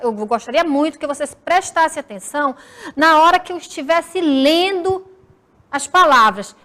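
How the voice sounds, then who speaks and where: A woman from the region of Brazil, a teacher giving a recorded school lesson, talking slowly and deliberately and drawing out words for her students. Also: high-pitched, a bit bright.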